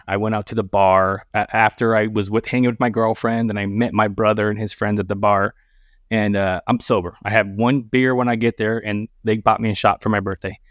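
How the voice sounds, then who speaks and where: A man's voice: fairly low pitch, no echo. Male podcast guest, rowdy storyteller, swears freely, dry close mic. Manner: animated, profane, acts out dialogue. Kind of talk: casual storytelling.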